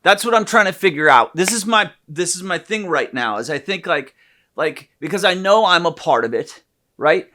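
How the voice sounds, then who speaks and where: A man co-hosting a candid conversation about relationships, talking in an animated, profane way with loud bursts of emphasis. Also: sits high, moderate pace. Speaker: podcast co-host, therapist.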